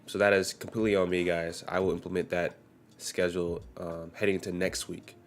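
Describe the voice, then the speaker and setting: A young man streams live forex trading, chatting casually while getting over a cold and coughing now and then. His voice is low-pitched with little pitch movement and a brisk pace. He works through the day's economic news, reading headlines aloud in a loose, conversational way.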